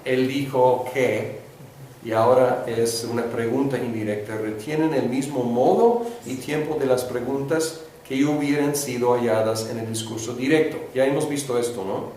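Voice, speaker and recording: A man's voice: medium pitch, fairly even intonation, moderate pace, a little mellow. A man teaching a class as the students repeat after him, hesitant, with many fillers and restarts. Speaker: Greek teacher. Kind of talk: classroom lecture with call-and-response. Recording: echoey room, distant mic, faint hiss.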